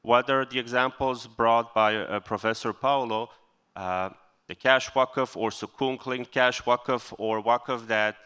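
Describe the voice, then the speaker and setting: A man from Bosnia answering a question as a conference panelist, in a measured, explanatory way. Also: mid-range voice, steady tone, sharp tone, smooth.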